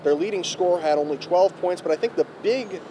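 A young man reporting a postgame recap outdoors on a handheld mic, brisk and stat-heavy. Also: high-pitched, mellow. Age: young adult. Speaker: student sports reporter. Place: outdoors in front of an arena. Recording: faint street noise outdoors.

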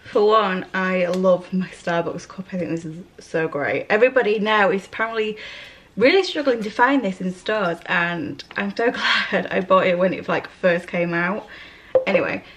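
A woman's voice: mid-range voice, moderate pace, fairly bright tone. Young British woman, casual vlogger, chatty and upbeat, recorded on a camera mic in a living room. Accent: British English. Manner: chatty, upbeat, rambling with fillers and light laughs. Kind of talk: casual haul vlog chat. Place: home living room, indoors.

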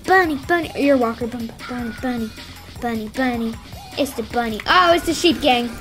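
A woman giving playful, excitable commentary while playing a game, squealing and yelping whenever things go wrong. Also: on the high side, normal speed, soft background music. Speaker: gameplay streamer.

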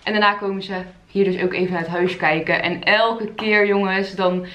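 A woman's voice: medium pitch, steady tone, moderate pace, highs cut off. A young woman chats casually and informally to her viewers as a vlogger. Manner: chatty, informal, addressing viewers. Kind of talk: casual vlog chat.

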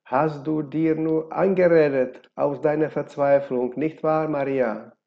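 A man's voice: a little high, steady tone, a little slow, gravelly. A man voicing an older married, pregnant woman in a read-aloud novel, imploring and urgent. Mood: anxious. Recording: dull lo-fi recording.

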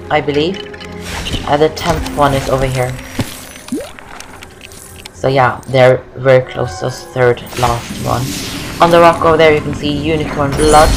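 A young Norwegian woman, a native Norwegian speaker with a very low voice, hosts a gaming video, giving casual walkthrough commentary. She chats and rambles, repeating phrases, while game music plays under a low-quality recording.

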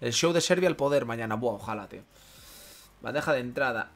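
A man's voice: mid-range voice, expressive, fast. A man streaming a football career mode game, chatting casually with viewers, swearing and breaking into mock rants at chat. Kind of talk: casual gaming commentary to chat.

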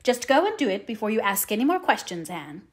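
A woman voicing a stern, practical older female guardian in an audiobook, brisk and matter-of-fact. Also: medium pitch, sing-song, lightly acted. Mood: immovable. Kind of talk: audiobook character voice.

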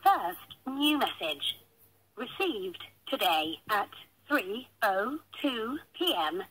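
An automated woman's voicemail announcement, played over a landline phone line in measured, clearly spaced prompts. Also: mid-range voice, very animated, fairly bright tone. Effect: heard over a landline phone line. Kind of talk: recorded voicemail system prompts.

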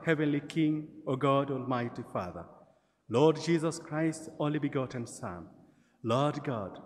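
A man, a priest leading Mass in a measured, gentle way, his voice ringing with cathedral-like church echo. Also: fairly high pitch. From Tanzania. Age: 40s. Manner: gentle, measured liturgical delivery with light humor. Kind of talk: celebrating Mass. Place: large church. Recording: long church hall reverb.

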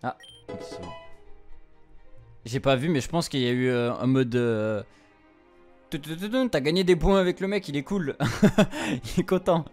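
A young man with a higher, somewhat mellow voice does casual let's-play commentary as a streamer, speaking a little slowly and pausing often. Informal and hesitant, he stumbles while translating game text aloud on the fly into a close streamer mic, with game music playing behind his voice.

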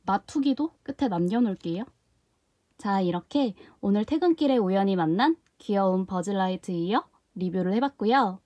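A woman's voice: medium pitch, moderate pace, no room sound, studio quality. A young woman reviewing a toy container in a casual unboxing vlog, often gasping and exclaiming in delight as she handles it. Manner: excited gasps and exclamations while handling the product.

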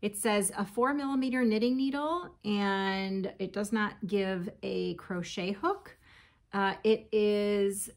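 A woman in her forties chatting casually about her yarn haul at her kitchen table, laughing often and reading yarn labels aloud. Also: mid-range voice. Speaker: crochet vlogger. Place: home kitchen, indoors.

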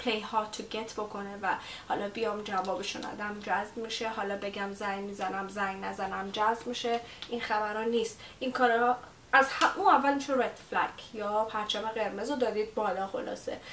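A chatty woman with a fairly high voice gives a casual English lesson to camera. She wanders off topic and drops English words into her talk. The mic sits far from her in an echoey room with a faint rumble behind. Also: fairly bright tone. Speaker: online English teacher.

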